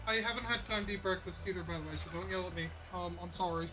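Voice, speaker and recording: A man's voice: sits high, quick pace, music in the background. A man streaming live, chatting casually and rambling with many fillers, a bit out of breath.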